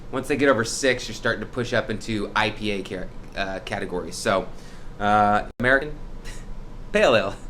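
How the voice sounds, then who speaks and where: A man's voice: medium pitch, bright, forceful tone, a little hiss or hum. Upbeat chatty brewery host, a man. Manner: upbeat, chatty, playful sound effects. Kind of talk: casual promotional vlog chat.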